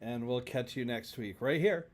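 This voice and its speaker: A man's voice: mid-range voice, normal speed. A man hosting a casual live-streamed talk show, joking and laughing easily as he wraps up. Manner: joking, laughs often, loose with fillers.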